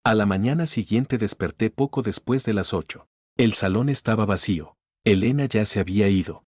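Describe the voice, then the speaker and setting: A man tells a scripted first-person story in a calm, even way. His voice sits low and the recording is close and completely dry. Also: moderate pace, dry recording. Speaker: narrator.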